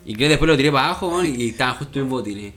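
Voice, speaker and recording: A young Chilean man tells stories in casual podcast chat, heavy with slang and animated, often breaking into laughter. His pitch sits in the middle range, and soft music plays faintly under the talk. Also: racing. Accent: Chilean Spanish. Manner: animated storytelling, slangy, laughing often, acts out his own past lines. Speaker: podcast co-host.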